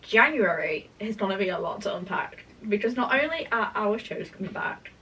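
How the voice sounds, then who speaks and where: A woman's voice: mid-range voice, lively intonation, normal speed, sharp tone, recorded from a distance, rough recording. A woman co-hosting a fan podcast in casual, conversational chat.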